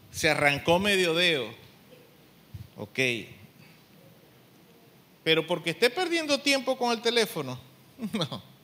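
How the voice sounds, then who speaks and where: A man's voice: high voice, sharp tone. A middle-aged man preaching a sermon as pastor, emphatic and blunt with joking asides.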